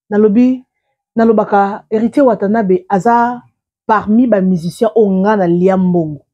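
A woman's voice: mid-range voice, mellow, breathy edge, highs cut off. A woman giving casual, rambling commentary as a celebrity news vlogger, often repeating and restarting her words.

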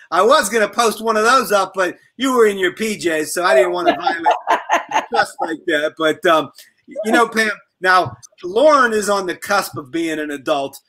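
A man's voice: high voice, sharp tone, slight background noise. A middle-aged man hosting a casual panel chat, joking and rambling with many fillers. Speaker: talk show host.

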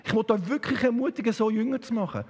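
A man's voice: extremely high pitch, quick pace, a little mellow, slightly rough, long reverb tail. A man with a Swiss German accent preaching an impassioned, emphatic sermon in a church. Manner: impassioned, emphatic, with sudden shifts of pace. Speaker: guest preacher.

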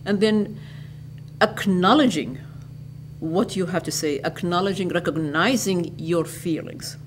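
An older woman from Iraq, an educator giving interview answers in a lecture hall, speaking in a measured way and restating her phrases. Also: fairly low pitch, a little hiss or hum.

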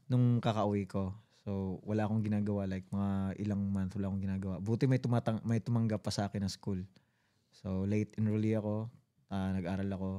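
A young man from the Philippines with a deep voice, telling his life story as a guest in a casual interview, rambling with fillers and quoted dialogue. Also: level tone, brisk, dark tone. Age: young adult.

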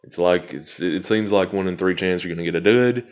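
A card pack opening vlogger with a low-pitched male voice speaks a little fast, his audio sounding dull. He casually walks viewers through opening card packs, rambling and amused at himself in this relaxed unboxing commentary.

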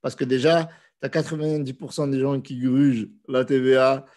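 A man in his thirties with a cold answers viewer questions casually during a live stream, speaking into a desk microphone on a video call from a small room. His mid-range voice keeps a moderate pace, relaxed and conversational with frequent hesitations.

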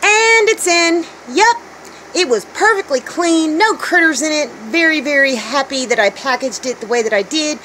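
Middle-aged woman, homestead vlogger, chatty upbeat talk, fairly high voice, light background hiss, phone mic. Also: lively intonation, moderate pace, sharp tone, low-quality recording. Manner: chatty, upbeat, thinking aloud. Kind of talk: casual vlog narration. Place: small tiny house, indoors, and garden outdoors. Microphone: handheld phone camera.

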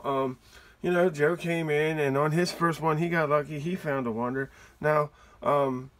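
Excitable man chatting on a mail-day vlog. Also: mid-range voice. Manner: excitable, laughs often, lots of fillers. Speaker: card collecting YouTuber.

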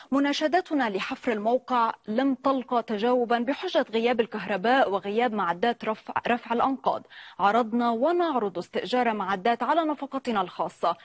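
A woman news reporter narrating a segment in a formal, measured reading tone. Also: mid-range voice, no room sound.

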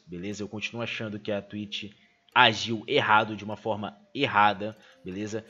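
A man's voice: mid-range voice, fairly bright tone. A young man with a Brazilian Portuguese accent, a streamer giving his opinion in casual commentary, earnest and full of fillers and restarts. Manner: earnest, fills speech with "cara" and "né", restarts often.

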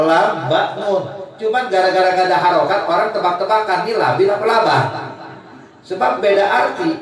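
A man's voice: high voice, recorded from a distance. A man from Indonesia preaching to a congregation, telling a humorous story and often addressing the listeners directly. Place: large hall with a live audience. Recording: echoey hall mic from afar with crowd.

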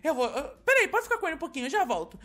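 A young man with a Brazilian Portuguese accent hosting a playful Minecraft roleplay, animated and whiny. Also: very high-pitched, rapid-fire, soft background music. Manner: animated, jumps between whining and joking.

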